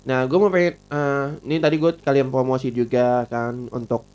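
A live stream host and podcaster with an Indonesian accent chats casually on an informal stream, often repeating his phrases. He describes himself as having a slight lisp and slurred R and L sounds, and his mid-range voice is steady, clear, resonant and a little mellow at a moderate pace.

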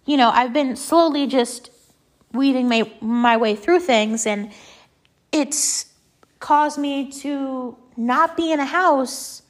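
A podcast host in her late teens chats in a personal, confiding way, her high-pitched voice sounding blocked up and nasal. Her phrasing halts often and leans heavily on fillers.

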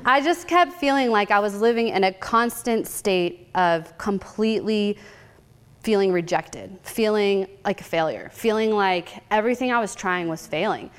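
A woman in her thirties giving an energetic, candid teaching talk about her own hard years, laughing at herself. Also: mid-range voice, moderate pace, clear, resonant tone. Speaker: guest speaker.

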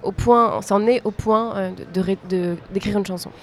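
A woman's voice: mid-range voice, steady tone, normal speed. A woman interviewer speaking informally and conversationally with her guest.

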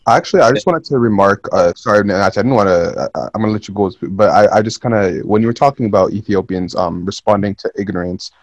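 A young man chatting casually on a podcast, pausing often on "uh" and apologizing as he cuts in. His voice is low and recorded dry, with no room sound around it. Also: dry recording, highs cut off. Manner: hesitant, many "uh"s, apologetic interjections. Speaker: podcast co-host. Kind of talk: casual chat.

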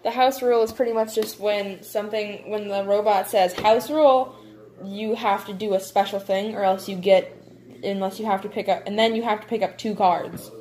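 A woman's voice: mid-range voice, level tone, fairly quick, darkish tone. A young woman at home, casually explaining game rules to a child while they play. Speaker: channel host playing a card game with a child. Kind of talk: casual chat. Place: home, indoors.

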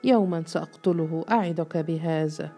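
A man's voice: a little high, normal speed, mellow, faint music behind, close to an everyday voice. A woman voicing a young man who angrily accuses a sheikh, speaking in a bitter, accusing way. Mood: bitter anger.

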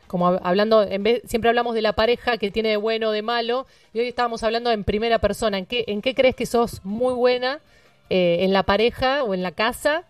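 A co-host with an Argentine accent asking quick, direct questions in a casual interview. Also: medium pitch, steady tone, smooth, no echo, distant mic. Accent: Argentine Spanish. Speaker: radio co-host.

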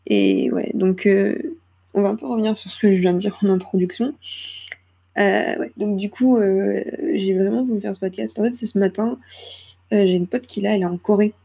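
Gravelly, husky young woman chatting. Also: medium pitch, normal speed, warm tone. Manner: rambling, hesitant and self-deprecating, with frequent laughs. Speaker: podcast host. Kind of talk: casual solo podcast chat. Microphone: small microphone.

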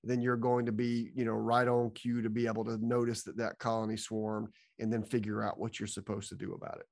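A man co-hosting a podcast, explaining things step by step in a calm, methodical way. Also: on the low side, fairly quick, gravelly. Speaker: podcast co-host and beekeeping expert.

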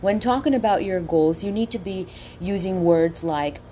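Her warm, lowish voice carries a slushy lisp on s sounds as she reads a motivational script in the role of a coach. She stresses her words deliberately and keeps asking the listener questions, over a slight hiss or hum.

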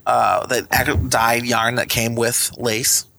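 A man's voice: medium pitch, flat delivery, slow pace, gravelly, bright, forceful tone, a little hiss or hum, low-quality recording. A tired man co-hosting a podcast, chatting casually and gushing with repeats from inside a car. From Minnesota. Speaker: podcast co-host. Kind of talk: casual chat.

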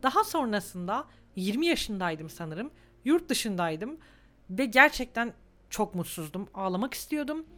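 Speaking unhurriedly in a sharp-toned, medium-pitched, very animated voice, a woman in her twenties reflects alone on her podcast. She is candid and emotional, close to tears at points.

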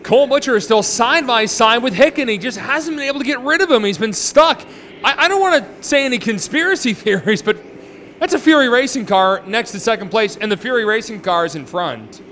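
A man's voice: extremely high pitch, animated, fairly quick, pushed and bright. A man calling a live stock car race as an exclamatory motorsport commentator. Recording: noisy trackside ambience.

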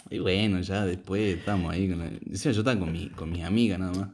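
A man's voice: low-pitched, fairly even intonation, fast, darkish tone, slight background noise. A young man with an Argentine accent telling a rambling story in casual chat, full of slang and fillers. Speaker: podcast co-host telling a story.

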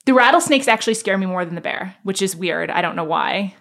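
A woman's voice: medium pitch, expressive, fast, gravelly, a bit bright. A woman from Manhattan with an American accent, chatting casually in a bubbly, self-deprecating way, peppering her sentences with "like". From Manhattan, New York. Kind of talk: casual conversational chat.

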